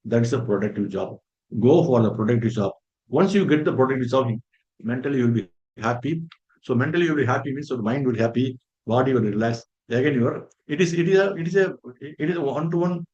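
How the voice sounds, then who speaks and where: A man lectures a room of teachers at an even, middling pitch. He talks earnestly and circles back to stress his points, walking through plain examples one by one. The recording sounds a little dull and lo-fi. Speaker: resource person for a faculty development program.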